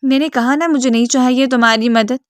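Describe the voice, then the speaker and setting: A bitter, sick divorced man in his thirties scolds in a harsh storybook voice, a woman acting him out. The voice sits slightly high and sounds dry and close. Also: steady tone, no room sound, natural voice. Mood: bitter, angry.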